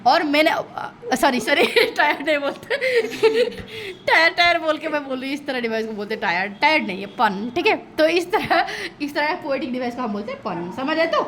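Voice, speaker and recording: Lively high-voiced woman teaching a class. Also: fairly quick, hardly any pauses, slight background noise. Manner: lively, checks understanding with constant "okay?" asides; laughs at her own slips. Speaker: school English teacher. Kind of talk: online class explanation in mixed Hindi and English.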